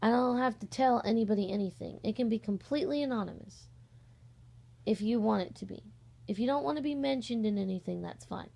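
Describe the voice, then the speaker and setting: Brisk and gravelly yet mellow, this young woman's fairly high voice carries a casual vlog chat recorded on her bed at home. As an amateur voice actor and video host, she rambles in a scattered way, easily pulled off topic.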